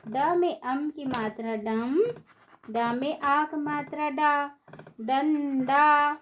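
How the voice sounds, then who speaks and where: A primary school teacher with a high voice gives a very slow Hindi phonics lesson for young children, spelling each word syllable by syllable and repeating it. In a sing-song classroom tone she asks questions and answers them herself, with slight background noise.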